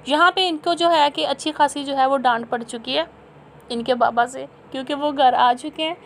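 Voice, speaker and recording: Pakistani woman in her thirties, high bright voice, voice-over for a family vlog, teasing and amused, faint room hum behind. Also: normal speed. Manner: amused, teasing, breaks into laughter. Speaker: family vlogger and mother. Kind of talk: chatty voice-over narration.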